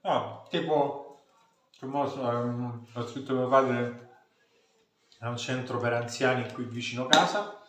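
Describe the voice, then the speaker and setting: A man's voice: medium pitch, fairly even intonation. Man talking with his mouth full. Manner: slow, halting, with fillers. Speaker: host. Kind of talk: casual mukbang chat. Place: home dining room, indoors. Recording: roomy echo, faint room noise.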